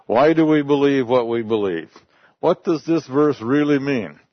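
Unhurried yet animated, a mid-range male voice belongs to a native-English-speaking missionary telling his congregation folksy, conversational stories about his work. There's no echo, though the lo-fi recording is dull.

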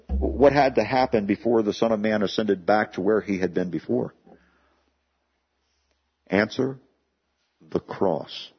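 A male pastor delivers an earnest sermon to his church, stopping often to put questions to the congregation and restarting words as he thinks aloud. His voice is low and husky. The recording is dull and lo-fi. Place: church service.

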